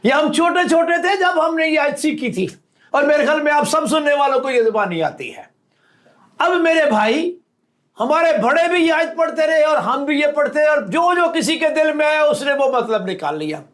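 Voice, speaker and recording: A man's voice: extremely high pitch, lively intonation, normal speed, fairly bright tone. A man preaching a sermon, teaching by example and acting out quoted lines with rising emphasis.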